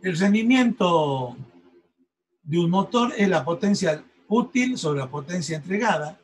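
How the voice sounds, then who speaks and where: Husky high-voiced male engineering lecturer. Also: expressive, unhurried, rough recording. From Argentina. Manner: explanatory, checks in with students often. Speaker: university lecturer.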